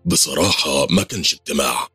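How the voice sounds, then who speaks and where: Brief: man doing a steady Egyptian jinn king, deep husky voice, reassuring. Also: fairly quick, no room sound, faint music behind, heavily acted. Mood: calm. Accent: Egyptian Arabic. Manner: reassuring, calm.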